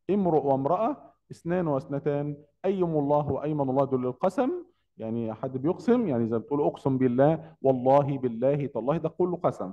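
Brisk Egyptian man teaching grammar. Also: fairly high pitch, mellow, big-room sound, dull audio. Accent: Egyptian Arabic. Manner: quizzing, asks a question then answers it himself. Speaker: Arabic teacher. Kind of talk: grammar lesson.

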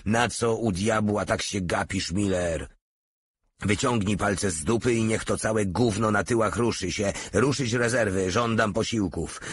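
A man voicing a foul-mouthed, hysterical one-eyed German general who shouts and curses. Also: fairly low pitch, a little slow, breathy edge, no echo. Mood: furious.

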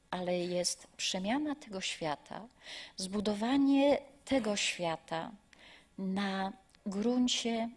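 A middle-aged woman giving a lecture that includes a spoken story, talking in a measured, earnest way that often drops to soft near-whispers. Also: fairly low pitch.

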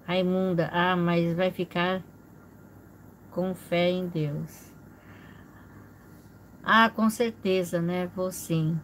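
A Brazilian woman in her forties chats slowly with her live audience, reading out names and greeting each person. She talks into a close camera in a room at home, with a faint hiss underneath. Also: lowish voice, low-quality recording. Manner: slow, chatty, greets viewers by name with frequent small laughs. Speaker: livestream host. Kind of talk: casual live chat reading viewer comments. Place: indoor home room with a fish tank.

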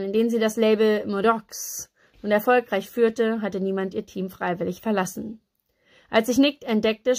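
Woman reading a novel aloud. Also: mid-range voice. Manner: steady, even storytelling. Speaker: book reader.

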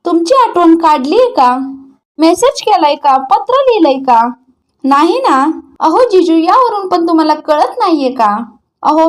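A woman reading the lines of a scheming young sister-in-law who coaxes insistently. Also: extremely high pitch. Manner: coaxing and insistent.

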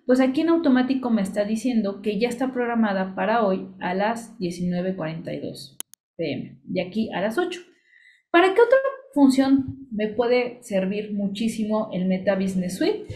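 A woman narrates a screen-share tutorial, talking the listener through each click in a chatty, explanatory way. Her pitch sits at an ordinary middle height, and she is close to the mic. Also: expressive, normal speed, darkish tone. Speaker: social media business coach.

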